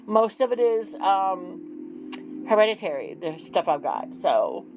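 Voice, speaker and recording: A woman's voice: medium pitch, very animated, takes it slowly, gravelly, rough recording. A woman in her forties doing a casual tarot reading, chatty and self-deprecating with frequent ums. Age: 40s. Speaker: tarot reader. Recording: music playing behind.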